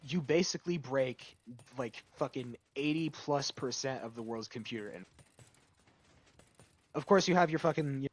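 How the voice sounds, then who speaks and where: A young adult man chatting casually on a stream, rambling and swearing, breaking into loud rants. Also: medium pitch, normal speed, pauses often. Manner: rambling, profane, bursts of loud ranting. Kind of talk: casual chat.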